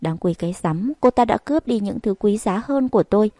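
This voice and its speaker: A woman's voice: medium pitch, expressive, fairly quick, mellow, no room sound, lightly acted. A woman voicing a bitter, resentful young woman who speaks with contempt, in an audiobook reading. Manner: spiteful, contemptuous.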